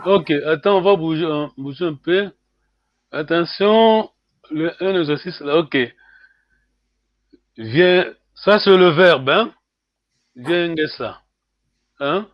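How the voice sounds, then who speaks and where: A man teaching a language class over a call, repeating words slowly and checking in with "hein" after nearly every phrase. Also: on the high side, no room sound, highs cut off. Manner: switches between French and Portuguese.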